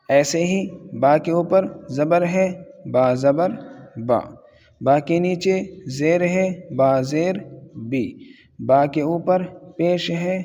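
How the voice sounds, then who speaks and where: A man's voice: fairly high pitch, a little mellow. A man teaching an Urdu reading lesson, patiently drilling syllables one by one in a methodical way. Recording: long reverb on the voice.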